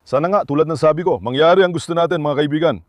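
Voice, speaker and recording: Male dog-owner vlogger with a high voice and a dry, close sound. He narrates casually, coaxing and scolding his dogs. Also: rapid-fire, no room sound. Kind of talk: casual vlog narration while handling dogs.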